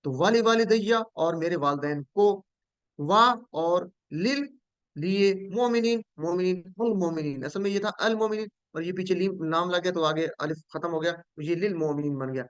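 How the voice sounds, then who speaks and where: A man's voice: a little high, brisk, few pauses, clear, resonant tone, no room sound, lo-fi sound. A man teaching a Quranic Arabic lesson, patiently repeating each word and quizzing his students.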